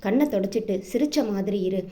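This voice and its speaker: A woman reading the lines of a sharp-tongued young woman who teases and scolds her friend, in an audiobook novel. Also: mid-range voice, expressive, fairly quick, close to an everyday voice. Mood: teasing. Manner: teasing, scolding.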